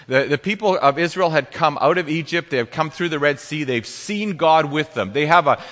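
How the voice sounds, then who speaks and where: Bright-voiced man preaching in a reverberant hall. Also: fairly high pitch. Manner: earnest preaching with scripture readings and frequent restarts. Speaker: pastor. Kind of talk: sermon.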